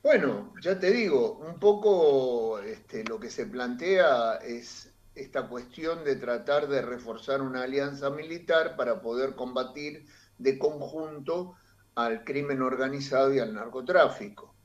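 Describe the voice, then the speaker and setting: A man speaks as a political analyst in a remote interview, with a steady mid-range voice. He is measured but emphatic and leans on frequent fillers as he builds his points. The call audio sounds dull and lo-fi. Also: mid-range voice.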